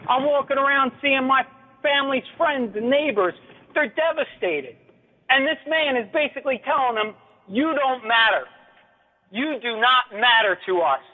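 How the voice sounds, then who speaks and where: A man's voice: very high voice, animated, normal speed. A man calling in to a radio show over a phone line, complaining angrily and urgently. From New Jersey. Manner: angry, urgent, indignant complaint.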